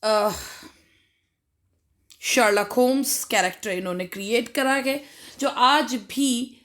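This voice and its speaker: A woman's voice: a little high, slow, fairly bright tone. An Indian woman teaching English literature for an exam, reading each question aloud and then explaining it with frequent fillers. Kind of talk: exam-prep lecture.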